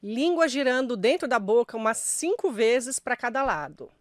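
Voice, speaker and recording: A woman's voice: on the high side, sing-song, moderate pace, no echo, clean studio sound. A middle-aged woman with a Brazilian Portuguese accent, a journalist giving emphatic, friendly voice-over tips straight to the viewer. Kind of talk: direct-to-camera voice tips.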